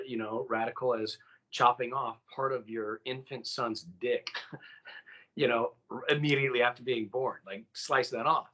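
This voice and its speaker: Podcast co-host, male, bright voice, loose rambling delivery full of fillers. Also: medium pitch. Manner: rambling, many fillers and restarts. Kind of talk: casual chat.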